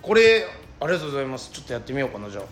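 A man with a raspy, gravelly voice, co-hosting a comedy radio talk and joking quickly. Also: medium pitch, sing-song, roomy sound, soft background music. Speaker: comedy duo member, radio co-host. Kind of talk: casual comedy banter.

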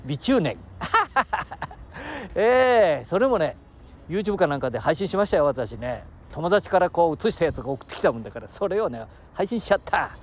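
A man's voice: fairly high pitch, big pitch swings, normal speed, a little hiss or hum. A man in his sixties from Aichi with a Nagoya dialect, chatting on his own show outdoors by the sea, rambling and chuckling as he jumps between topics. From Aichi, Japan. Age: 60s. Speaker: podcast host. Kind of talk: casual solo chat. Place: outdoors by the seashore.

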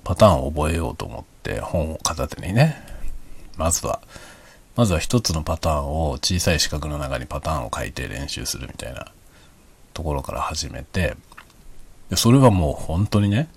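Quiet, very deep, husky man. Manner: speaks quietly in a hushed, low night-time voice. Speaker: hobby vlogger. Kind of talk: casual late-night chat.

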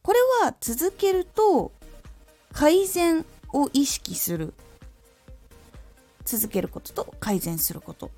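A woman who used to be a voice actor hosts an audio stream and teaches diction, demonstrating each vowel clearly. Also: a little high. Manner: lively teacherly delivery with clear articulation demos. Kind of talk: instructional talk on diction.

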